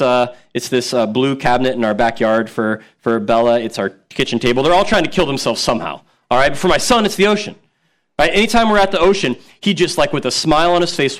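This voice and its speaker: A man's voice: mid-range voice, fairly bright tone. A man in his thirties preaching a sermon as a pastor, casual and conversational, often repeating words for emphasis and acting out quotes.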